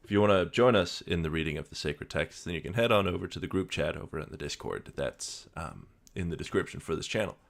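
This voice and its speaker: A man's voice: low-pitched, fast, gravelly, hardly any pauses. A man hosting a podcast, joking dryly and reading a story aloud with plenty of fillers. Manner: dry, deadpan joking with many fillers. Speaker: podcast host. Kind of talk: casual chat and read-aloud.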